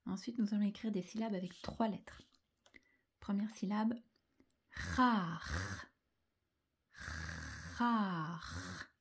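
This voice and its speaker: In a handwriting lesson, a woman teacher leads young children through writing syllables, lingering on each sound. Her medium-pitched voice is mellow and slightly husky, often softening to a half-whisper as she spells letters out.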